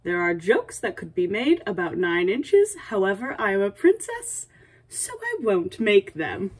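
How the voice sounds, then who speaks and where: A woman's voice: mid-range voice, wildly swooping pitch, measured pace, slightly rough, exaggerated voice. A young woman playing a playful, sassy princess hosting a comedic baking tutorial, with dry asides and a mock-dainty manner. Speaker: baking video host. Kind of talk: comedic in-character cooking tutorial. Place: small home apartment kitchen, indoors. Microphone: camera a few feet away. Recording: distant kitchen camera microphone.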